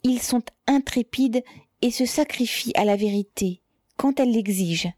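A woman reading a story, voicing an aging mother who cries out defiantly at gendarmes in a hoarse, strained voice. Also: fairly high pitch, unhurried, mellow, no echo, voice pushed up.

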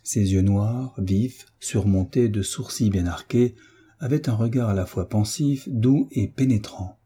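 A man narrating a classic novel as an audiobook, in a measured, even manner. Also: fairly low pitch, slightly rough.

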